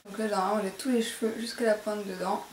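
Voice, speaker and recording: A woman's voice: mid-range voice, fairly even intonation, quick pace, slight background noise. A woman with a posh French accent talks through a hair tutorial, hesitating and correcting herself with many fillers. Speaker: beauty vlogger. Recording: echoey room, mic at a distance.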